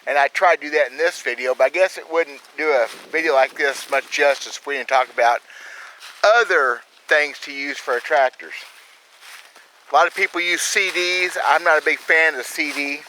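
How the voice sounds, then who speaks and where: A man's voice: fairly high pitch, moderate pace, bright, forceful tone, slight background noise, poor audio. A man with a Southern US accent hosting a trapping channel, giving plain-spoken, folksy how-to advice outdoors in the cold countryside. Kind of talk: casual outdoor how-to talk.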